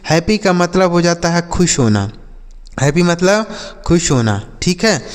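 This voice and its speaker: A man teaching English words in Hindi, spelling each letter and repeating each example sentence slowly, often checking in with viewers. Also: high voice, big pitch swings. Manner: addresses viewers as friends, frequent okay checks. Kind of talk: slow spelling-and-meaning lesson. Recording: reverberant room.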